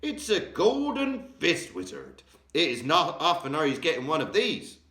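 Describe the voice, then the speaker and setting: A big, excitable old giant played by a man reading aloud, his voice pushed up high and loud, tumbling over twisted grammar and invented words. The delivery swings lively and drawn out, ringing in an echoey room. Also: moderate pace, heavily acted. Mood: excited. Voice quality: mangled grammar and made-up words, loud exclamations.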